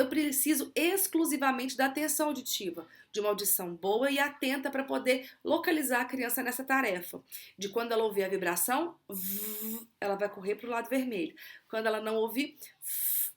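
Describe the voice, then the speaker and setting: This explanatory video lesson features a Brazilian Portuguese woman, voice on the high side, explaining auditory attention exercises for children. Her manner is clear and teacherly, and she slows down when modeling words.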